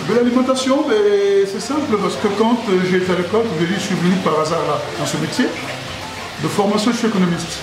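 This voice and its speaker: High-voiced jovial man in his sixties. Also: quick pace. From Congo. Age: 60s. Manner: jovial, rambling, repeats himself. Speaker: restaurant owner. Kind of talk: casual interview. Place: his restaurant. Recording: echoey room with loud background noise.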